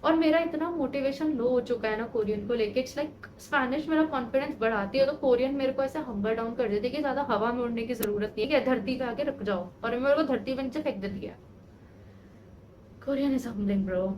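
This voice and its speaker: A woman's voice: fairly high pitch, brisk, darkish tone, slight background noise, rough recording. A woman in her twenties chatting casually for a vlog, self-mocking and exasperated as she talks through her struggles. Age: 20s. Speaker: vlogger, language learner. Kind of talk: casual talking-head vlog.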